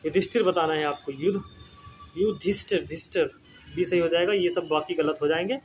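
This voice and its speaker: A man's voice: on the high side, fast talker, soft background music. A young man teaching Hindi spelling for exam prep. He repeats words and keeps checking in with his students. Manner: explains patiently, repeats words, often says "ठीक है ना".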